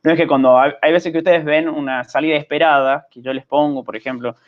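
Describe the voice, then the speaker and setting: Man, Argentine accent, programming teacher, patient, checks in often, slightly high voice, muffled call audio. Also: steady tone, fast talker. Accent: Argentine Spanish. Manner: patient, checks understanding with frequent "¿sí?". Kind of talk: online class explanation.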